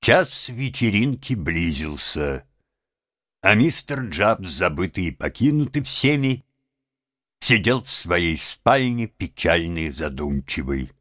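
Male audiobook narrator, deep and unhurried, dry studio sound. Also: no echo. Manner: measured, expressive storytelling.

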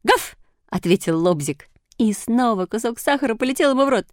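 A woman's voice: on the high side, animated, a little fast, a little mellow, no echo. A woman reads a storybook aloud, her voice rising and falling expressively with every turn of the tale. The sound is dry and close, with no room around it. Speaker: reader. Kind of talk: storybook reading.

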